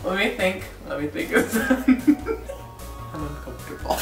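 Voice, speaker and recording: A man's voice: high-pitched, lively intonation, normal speed, creaky, distant mic. A young man co-hosting a goofy video, giggling and scrambling for silly things to say. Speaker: co-host. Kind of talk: goofy casual chat. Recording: roomy room, off-mic, music underneath.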